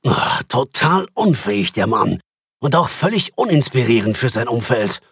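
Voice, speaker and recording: A harsh, irritable bank boss, voiced by a man who snaps out curt, scornful remarks. His voice is husky, and its pitch moves lively. The recording is dry and close. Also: normal speed, no echo, full character voice.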